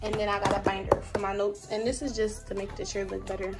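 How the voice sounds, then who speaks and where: A woman's voice: medium pitch, flat delivery, fast, loud music behind the voice. A young woman, a college freshman, giving a casual tour of her dorm room and listing her things for her viewers. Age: young adult. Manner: chatty, listing items, addresses viewers as y'all. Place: small dorm room indoors.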